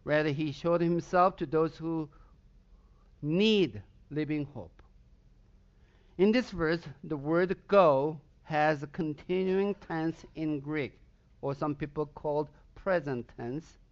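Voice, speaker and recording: Here the same kind of speaker, a male pastor from Southern Sweden and a native Swedish speaker, delivers a sermon with a Swedish accent and sudden emphatic surges. His slightly high voice moves slowly through lo-fi sound.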